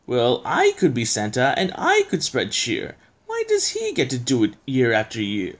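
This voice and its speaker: A man's voice: medium pitch, wildly swooping pitch, normal speed, fairly bright tone. A man voicing a restless, theatrical skeleton in a storybook poem, with dramatic, emphatic delivery. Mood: indignant yearning. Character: tall thin male skeleton, restless, bored, theatrical dreamer.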